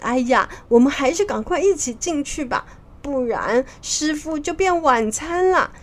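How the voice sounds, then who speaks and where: A woman voicing an impatient, greedy pig-man pilgrim in a children's story, speaking loudly and pushily. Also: high-pitched, big pitch swings, brisk, pitched above the performer's own voice. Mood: worried.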